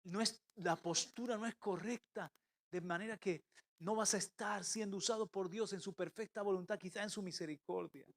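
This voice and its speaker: A man delivers a sermon as pastor, his voice sitting high in pitch. He shifts from loud, emphatic calls to quiet, intimate asides as he preaches to a church. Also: moderate pace.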